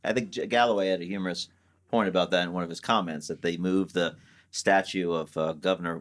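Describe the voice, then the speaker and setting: Low-voiced man rambling through a story. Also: steady tone, fairly quick. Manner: rambling storyteller, lots of restarts and asides. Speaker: panel guest. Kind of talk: casual panel discussion.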